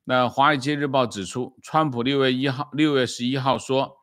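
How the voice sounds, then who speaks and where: A man talks through current affairs in a steady commentary voice of middling pitch, often pausing on a drawn-out "ah" and correcting himself mid-phrase. The recording is dry and close, with no room sound. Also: no echo. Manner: frequent drawn-out "ah" fillers and self-corrections. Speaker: news commentator. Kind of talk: news commentary.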